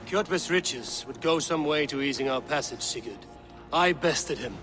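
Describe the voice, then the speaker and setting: A bold, stubborn Viking warrior from a video game. He is blunt and assertive, pitched a little above the usual male voice, with faint music underneath. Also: lively intonation, unhurried. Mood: insistent. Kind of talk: dramatic video game dialogue.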